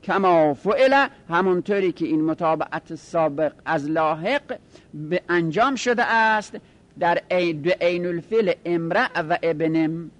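A man teaching a grammar lesson, reciting word forms slowly over and over, then explaining them in quick asides. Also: fairly high pitch. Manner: drawn-out chanting repetitions of word forms.

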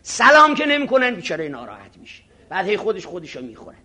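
Male cleric, moral sermon; high and bright, lively, dramatizes quotes, slow chanted scripture. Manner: animated, acts out arrogant voices, self-mocking; chants Arabic scripture slowly. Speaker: cleric teaching ethics. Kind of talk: moral sermon to seminary students.

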